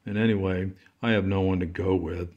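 A man's voice: low-pitched, fairly even intonation, brisk, lo-fi sound, lightly acted. A man doing a shy apologetic rabbit girl. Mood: fretful. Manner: soft, apologetic. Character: shy gentle female rabbit with long ears.

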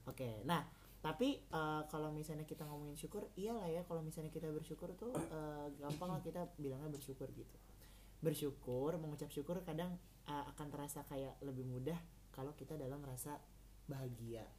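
A woman's voice: low-pitched, steady tone, a little fast, a little mellow, slight background noise. A woman co-hosting a casual chat, rambling with many fillers and restarts. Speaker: podcast co-host.

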